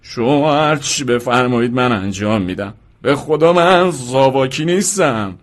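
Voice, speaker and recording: A man voicing a frightened middle-aged man who pleads through tears. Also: breathy edge. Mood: tearful pleading. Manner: sobbing, begging, voice rising high.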